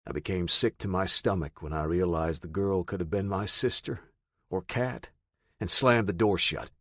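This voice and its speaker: A man reads a first-person audiobook in a steady, matter-of-fact voice. His voice sits on the low side. The recording is dry and close. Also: moderate pace, dry recording. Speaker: audiobook narrator.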